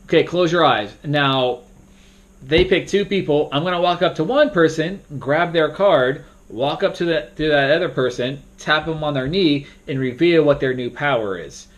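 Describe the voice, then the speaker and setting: Young man, casual game tutorial, slightly high-pitched, rambling, bursts of acted-out announcements. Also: moderate pace. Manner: rambling, acts out the moderator's announcements with sudden loud jumps. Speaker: game moderator teaching a tutorial. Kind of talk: casual instructional talk.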